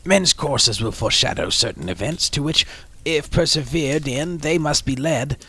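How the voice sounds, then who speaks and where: A man's voice: on the high side, animated, normal speed, sharp tone, breathy edge, voice pushed up, exaggerated voice. Man acting a frightened, pleading old miser, Ebenezer Scrooge. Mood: anxious, questioning. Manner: theatrical, formal, imploring.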